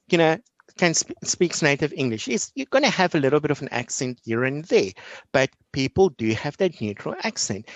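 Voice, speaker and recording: Speaking as a guest in a casual interview, this online English teacher from South Africa tells stories with lots of energy, playing out classroom dialogues. He has a rather high voice, captured in a dry recording.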